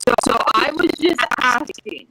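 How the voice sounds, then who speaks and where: A woman playing a tabletop game, talking casually and deliberately with the group. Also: high voice, bright, forceful tone, no echo, poor audio. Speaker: player.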